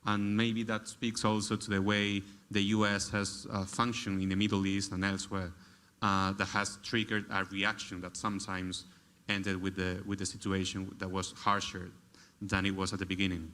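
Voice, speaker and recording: A man from Spain speaking as a think tank director on a conference panel, measured and thoughtful with many pauses and fillers. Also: low-pitched, flat delivery, pushed and bright. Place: large conference hall.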